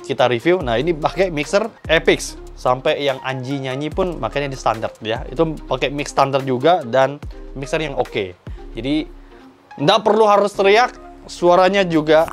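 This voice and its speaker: A man giving an enthusiastic, explanatory product review as a shop owner, talking to viewers. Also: medium pitch.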